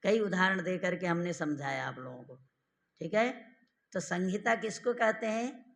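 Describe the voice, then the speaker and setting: A man teaching Sanskrit grammar in a lecture, quizzing his listeners with questions and repeating each definition slowly. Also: high-pitched, lively intonation, creaky, a bit bright. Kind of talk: classroom lecture.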